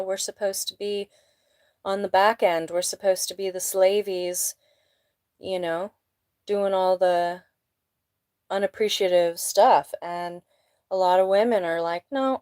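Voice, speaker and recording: A woman's voice: medium pitch, darkish tone, no room sound. A woman giving a casual live tarot reading, blunt and emphatic, with a sniffly nose, indoors at home. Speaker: tarot reader.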